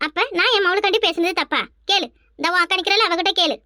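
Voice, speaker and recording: A nagging old village mother-in-law, as a woman voices her for a cartoon, speaking Kanyakumari Tamil in a very high, bright voice. She rattles along fast and sounds dry and close-miked. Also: dry recording. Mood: defensive. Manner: nagging, defensive, calls others "ஏட்டி". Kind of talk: cartoon voice acting.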